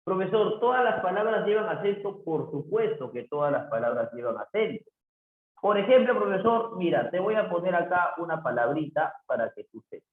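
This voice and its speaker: A man teaching a class online, who keeps asking "¿no es cierto?" and acts out his students' questions himself. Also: a little high. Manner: repeats the tag "¿no es cierto?" often, voices imagined student questions himself. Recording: echoey room over a tinny phone-like line.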